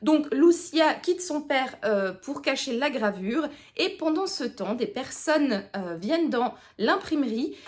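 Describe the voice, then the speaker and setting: Woman, 30s, book vlogger: chatty, hesitant, self-mocking; slightly higher voice. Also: lively intonation, unhurried, hardly any pauses. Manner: chatty, many hesitations, laughs at herself. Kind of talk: casual book review chat.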